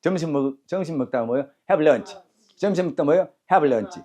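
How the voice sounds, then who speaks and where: A man teaching an English lesson in a classroom lecture style, brisk and commanding, calling out cues and having phrases repeated back. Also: on the high side, lively intonation, mellow.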